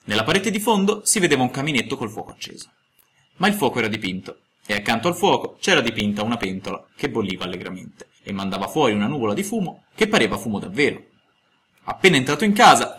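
A man narrating a classic tale as an audiobook, in an expressive storytelling cadence. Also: fairly low pitch, quick pace, slight background noise.

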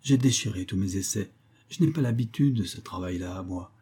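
A timid young man fumbles for words in a hesitant, apologetic way, voiced by a man reading a novel. The voice is low and dark. A husky grain runs through it. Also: normal speed.

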